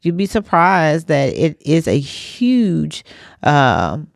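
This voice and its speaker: Deep-voiced woman near 50, sassy and joking, dry close sound. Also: big pitch swings, slow, gravelly, no room sound. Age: 40s. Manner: playful, sassy asides, backs up her co-host. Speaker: podcast co-host. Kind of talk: casual chat.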